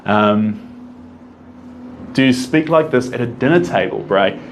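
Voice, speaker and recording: A young New Zealand-accented man, an artist, casually answers viewer questions in a Q&A monologue, rambling enthusiastically with frequent ums and restarts. His medium-pitched voice is animated and a little slow. There's slight background noise.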